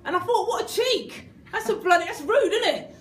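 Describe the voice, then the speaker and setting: A woman performing a bawdy stand-up comedy set, shouting punchlines in put-on voices. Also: extremely high pitch, animated, moderate pace, slight background noise. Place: comedy club stage with laughing audience. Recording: echoey club, crowd laughter.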